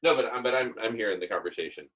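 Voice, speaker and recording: A man with a fairly low voice hosts a casual online discussion. He rambles in an idealistic, enthusiastic way, repeating phrases for emphasis. He is speaking through earbuds on a video call. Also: lively intonation, very fast, fairly bright tone. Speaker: host of an online group discussion. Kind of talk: casual, rambling visionary talk.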